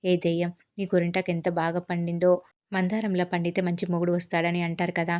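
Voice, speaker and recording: A woman's voice: fairly low pitch, little pitch movement, brisk, a little mellow, natural voice. A cocky teasing young husband, as a woman reads him. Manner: mocking, laughing.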